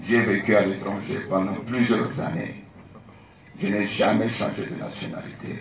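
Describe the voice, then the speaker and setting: A man's voice: on the low side, moderate pace, gravelly, very noisy. A man, a party candidate arguing emphatically in a debate. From Congo. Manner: emphatic, rising to animated insistence. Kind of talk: political debate. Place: large meeting hall. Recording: echoey hall from far off.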